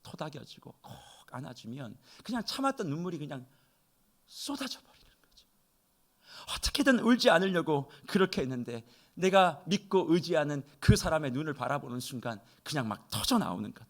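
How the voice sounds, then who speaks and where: A middle-aged male pastor preaching a dawn sermon in a church, his slightly high voice rising and falling in wide, lively swings. He shifts from forceful emphasis to near-whispers and drags out key words slowly. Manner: slows down and stretches key words. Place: church sanctuary.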